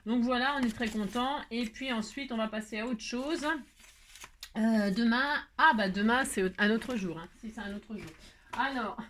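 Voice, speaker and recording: A woman talks straight to her viewers, rambling and joking with lots of fillers. Her voice sits somewhat high for a woman. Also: moderate pace, fairly bright tone, a little hiss or hum. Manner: chatty and rambling, jokey, many fillers. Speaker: crafting vlogger. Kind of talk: casual chat to viewers.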